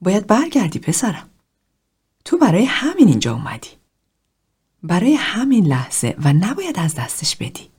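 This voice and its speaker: A woman playing a gentle older male therapist, soft and husky. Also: lowish voice, heavily acted. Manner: soft, reassuring, coaxing.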